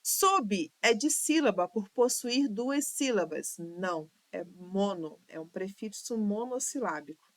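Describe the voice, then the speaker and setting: A Brazilian teacher leads an online Portuguese exam lesson, patiently going over questions while counting syllables aloud and drawling words to sound them out. She speaks a little slowly with few pauses, expressive in a mid-range, fairly bright voice, and the audio has no echo.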